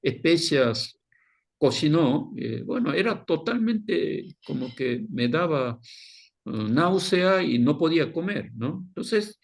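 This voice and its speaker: A man giving a lecture on mission work, halting with many fillers and tag questions. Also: fairly high pitch, expressive, vocal fry. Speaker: missions teacher.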